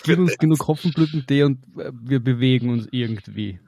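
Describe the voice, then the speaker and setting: A man's voice: mid-range voice, fairly quick, creaky, warm tone, a little hiss or hum. A man with an Austrian accent telling stories in casual chat as a podcast guest, with a wry, joking manner.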